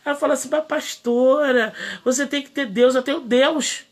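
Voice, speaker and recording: A woman's voice: high voice, steady tone, normal speed. A woman in her thirties with a Brazilian accent, a pastor preaching an impassioned, indignant sermon in rising bursts. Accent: Brazilian Portuguese. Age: 30s.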